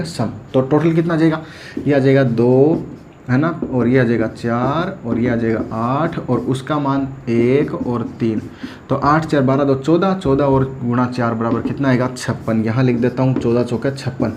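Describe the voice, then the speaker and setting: A man's voice: mid-range voice, darkish tone, a little hiss or hum. A man teaching math at a board, asking and answering his own questions and often telling students to pay attention. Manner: asks and answers his own questions, repeats "ध्यान देना". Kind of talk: classroom lecture at a board.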